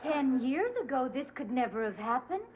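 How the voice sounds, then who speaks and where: Flighty dramatic rich wife. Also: female voice, high-pitched, animated, moderate pace, dull audio, heavy background noise. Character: flighty, self-absorbed wealthy wife and mother. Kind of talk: 1970s sitcom acting.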